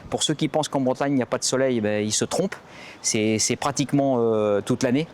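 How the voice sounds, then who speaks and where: A man's voice: medium pitch, fairly quick, slight background noise. A man in his forties from central France, a former navy commando instructor, telling his story in a portrait interview with many fillers and restarts. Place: outdoors at a harbor site.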